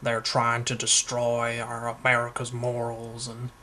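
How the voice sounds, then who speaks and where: Young guy putting on a redneck bigot, loud, cursing, hateful rant. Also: mid-range voice, completely flat delivery, measured pace, a little hiss or hum.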